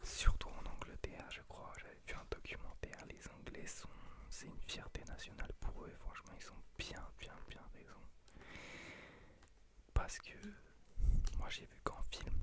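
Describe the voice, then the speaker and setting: Young man, late twenties, ASMR library whisper, whispered role-play, hesitant, intimate, close to the mic. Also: normal speed. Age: late 20s. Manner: soft unvoiced whispering; hesitant, self-deprecating, intimate address to the listener. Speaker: ASMR creator and host.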